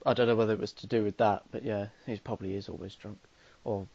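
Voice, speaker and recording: A man's voice: lowish voice, steady tone, quick pace, dark tone, husky, dry recording. A young man with an Irish accent co-hosting a podcast, cracking dry jokes and hesitating with fillers. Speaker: podcast co-host. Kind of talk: casual chat. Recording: dull lo-fi dry sound.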